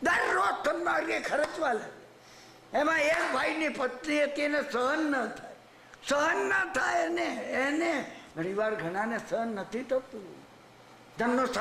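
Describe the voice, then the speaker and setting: A man's voice: very high voice, creaky, bright, forceful tone. A man giving a sermon, telling a moral story and often checking that his listeners understand. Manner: keeps asking the audience if they understand. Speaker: Jain preacher. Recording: roomy hall with faint hiss.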